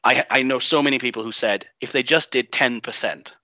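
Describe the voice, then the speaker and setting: Speaking in a steady, sharp, mid-range voice, this game writer and designer from Greece thinks aloud on a podcast in a halting, emphatic, opinionated style. His accent is an unusual foreign-tinged mix, and the dull, band-limited online recording has no room sound.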